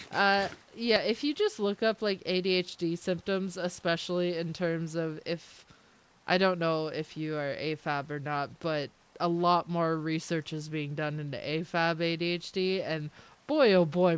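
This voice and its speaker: Smooth and on the low side, this young Canadian woman's voice has a Canadian accent with some British-sounding words. She's streaming a game and casually chatting with her viewers and live chat, rambling, interrupting herself and laughing often.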